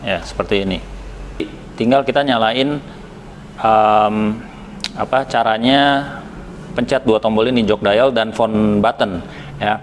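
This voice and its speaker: Reviewing a product for a helmet shop, an Indonesian man speaks in a fairly low voice at a measured pace, pausing often. He keeps things casual and conversational, hesitant at times, with some English words mixed in. There is a little hiss or hum in the background.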